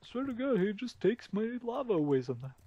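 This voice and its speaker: A man's voice: high-pitched, sing-song, a little fast, mellow, slightly rough, dry recording, dull audio. A man chatting casually while playing a video game with a friend, teasing and laughing often. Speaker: gaming video co-host. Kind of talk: casual gameplay chat.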